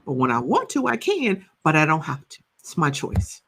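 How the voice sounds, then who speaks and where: A counselor and coach in her fifties speaks with animation as a podcast interview guest, telling stories and frequently checking in with "right?". Her voice is low-pitched with a breathy edge, and she talks at a moderate pace.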